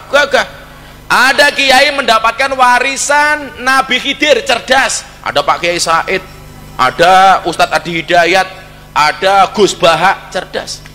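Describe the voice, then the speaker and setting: A man's voice: high voice, pushed and bright, in a large hall. A middle-aged man with a Javanese accent giving a humorous religious talk, joking and teasing with Javanese asides. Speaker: preacher.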